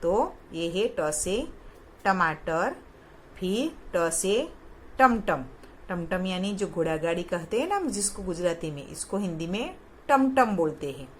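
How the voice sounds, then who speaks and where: A woman teaching young children in a recorded lesson, patient and repeating each sound with clear stress. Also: on the low side, sing-song, unhurried, slight background noise. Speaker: kindergarten teacher.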